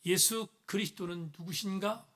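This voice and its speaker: A man's voice: high-pitched, normal speed, a bit bright. A man preaching a sermon as pastor in a church, with earnest, emphatic rising phrases.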